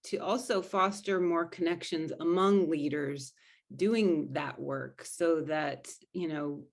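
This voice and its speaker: Low, gravelly-voiced woman speaking earnestly. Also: slow pace. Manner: earnest, thoughtful, with frequent restarts. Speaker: guest, spiritual coach. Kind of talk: conversational interview answers.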